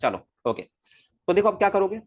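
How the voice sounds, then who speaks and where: Animated male physics teacher, dry room. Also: high voice, a little fast, no echo. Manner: animated, coaxing, repeats questions to students. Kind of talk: recorded classroom lecture.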